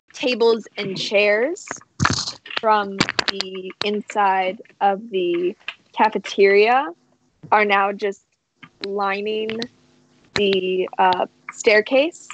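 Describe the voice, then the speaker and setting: A woman narrating a tabletop role-playing game as game master, in a relaxed, rambling way with many fillers. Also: medium pitch, noisy background.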